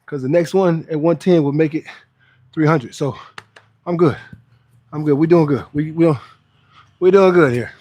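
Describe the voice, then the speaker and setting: A man's voice: fairly high pitch, moderate pace, long pauses, a little mellow, no echo. A man who works as a fitness trainer, chatting casually and emphatically to livestream viewers between sets of pull-ups, repeating phrases for stress. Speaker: fitness trainer hosting a live workout stream. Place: outdoors under a roof.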